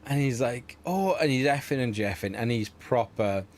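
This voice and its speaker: A man's voice: mid-range voice, moderate pace. A middle-aged man hosting a livestream from home, chatting in a rambling, easygoing way and laughing often. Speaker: livestream host. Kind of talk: casual livestream chat.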